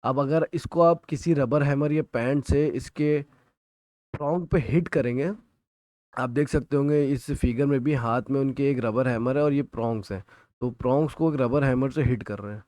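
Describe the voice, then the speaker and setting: A man's voice: mid-range voice, darkish tone, no echo. Man with an Indian accent teaching physics. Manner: explains in Hindi, reads English definitions slowly. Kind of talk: recorded physics lesson.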